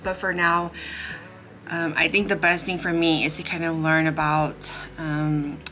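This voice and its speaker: Soft-spoken woman vlogger, bright voice. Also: low voice, level tone, a little slow, a little hiss or hum. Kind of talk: casual vlog voice-over. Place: home in Korea.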